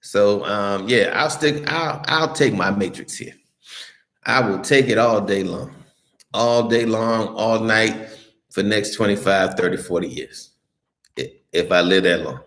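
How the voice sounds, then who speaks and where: At a measured pace, an American vlogger with a lowish, fairly bright voice goes through his live chat. He answers viewers bluntly, swears a lot and restarts frequently, and the room sounds echoey.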